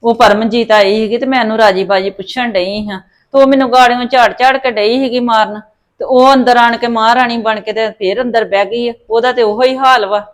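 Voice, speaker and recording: A woman plays a fretful older mother-in-law with a Punjabi accent. Her voice is high and anxious, and she pleads and worries over her family in a village drama. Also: steady tone, brisk, lightly acted. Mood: worried. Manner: pleading, worried, calls others "putt".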